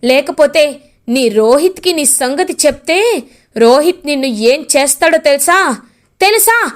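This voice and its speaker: A woman voicing a fierce, domineering mother-in-law who shouts threats and scolds harshly in a retold TV serial. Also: sits high, expressive, unhurried. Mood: stern.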